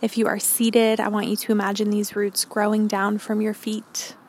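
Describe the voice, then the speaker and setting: A woman podcast host leading a calm grounding meditation, giving gentle, encouraging instructions. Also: mid-range voice, moderate pace, slight background noise.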